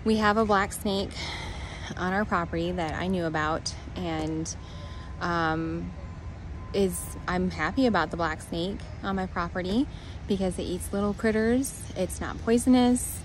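A woman in her forties holds her phone at arm's length in a parking lot, telling a rambling, flustered story for a casual selfie vlog. Her voice is lowish and measured in pace, she sighs often, and the background is noisy.

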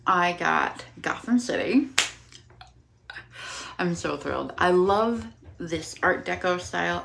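A woman's voice: on the low side, vocal fry, fairly bright tone, a little hiss or hum, rough recording. A tired, out-of-breath young woman chatting casually to camera about her cross-stitch projects, rambling with many ums. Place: home room with windows open.

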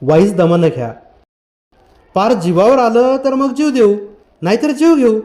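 A man voicing a bold, defiant rural fighter who speaks slowly and firmly. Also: very high-pitched, animated, warm tone, pitched above the performer's own voice.

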